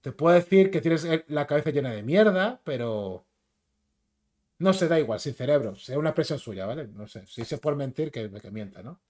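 A man's voice: fairly high pitch, animated, normal speed, darkish tone. A man with a Spain Spanish accent ranting as a YouTube commentator, combative, mocking and insulting.

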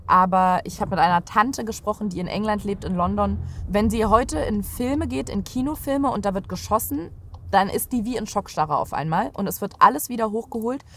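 A woman in her thirties from Berlin, a guest chatting from the back seat of a car and telling stories with lively gestures. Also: medium pitch, a little fast, a little hiss or hum. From Berlin, Germany. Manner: animated storyteller, gestures while talking. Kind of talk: casual chat.

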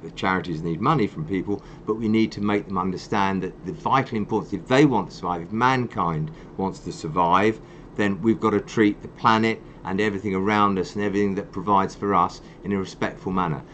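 A man's voice: deep voice, brisk, hardly any pauses, a bit bright, muffled recording, a little hiss or hum. A man hosting a live stream for a wildlife charity. He talks with passion and ranting zeal and pokes fun at himself. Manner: passionate, ranting, self-mocking.

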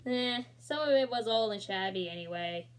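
A young woman reads a children's picture book aloud in a small room, recorded on a laptop camera. She reads expressively at a moderate pace in a mid-range voice, adding casual asides.

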